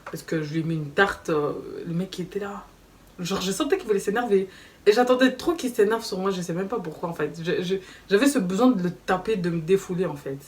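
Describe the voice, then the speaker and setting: A woman's voice: fairly low pitch, fairly quick. Slangy young woman telling a storytime vlog. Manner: animated, slangy, acts out quoted dialogue. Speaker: vlogger. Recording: slightly distant mic with faint background noise.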